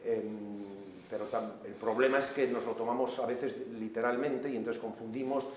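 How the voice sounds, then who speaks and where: Brief: Spanish-male seminar speaker, mid pitch, explanatory and engaging, very reverberant hall sound. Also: steady tone, moderate pace, a little mellow, slight background noise. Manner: explanatory, tag questions, acts out quoted voices. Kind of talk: seminar lecture. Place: large lecture hall. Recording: very echoey hall recording.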